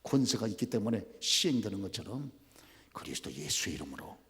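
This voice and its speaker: A male pastor preaching a sermon, dropping to soft asides, then shouting loud commands. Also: fairly low pitch, sing-song, fairly quick. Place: church sanctuary. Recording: reverberant church hall.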